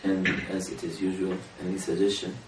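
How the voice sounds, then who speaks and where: Earnest low-voiced man preaching in a roomy space. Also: monotone, fairly quick. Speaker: religious speaker. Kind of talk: sermon to a small gathering. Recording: roomy room from a distance, faint noise.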